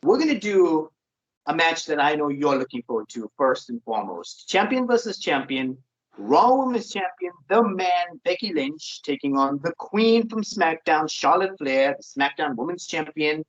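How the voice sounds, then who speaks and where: Here a man co-hosts a wrestling predictions podcast, chatting casually while airing opinionated rants. His fairly high voice is expressive and moves at a moderate pace, captured in dull, lo-fi audio.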